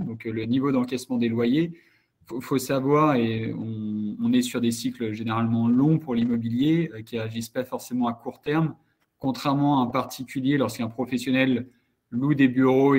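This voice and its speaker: A man's voice: mid-range voice, a little mellow. A man hosting a webinar who speaks hesitantly and repeats words as he starts his sentences. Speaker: host and company co-founder.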